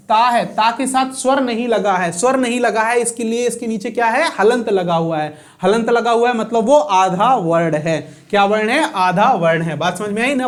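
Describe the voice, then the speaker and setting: A man teaching a grammar lesson, often repeating key terms as questions to his students. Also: high-pitched.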